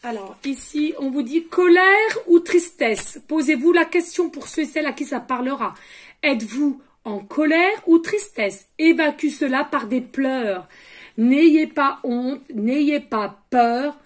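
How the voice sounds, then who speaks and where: A high-voiced woman gives a casual oracle card reading as a medium. She talks straight to her viewers in a chatty way, with lots of little asides and questions. Between cards she drops to a soft murmur to ask the universe for more messages. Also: a little slow.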